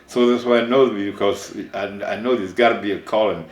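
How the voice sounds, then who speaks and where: Older man with a deep voice. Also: fairly even intonation, fairly quick, roomy sound. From Mississippi. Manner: rambling, with many restarts. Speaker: songwriter. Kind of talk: recalling his life in an interview.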